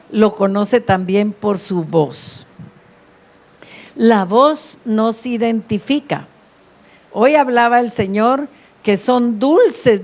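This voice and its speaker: Slow-preaching woman pastor, higher voice. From Guatemala. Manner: slow, deliberate preaching with calls for amen. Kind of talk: sermon with prayer.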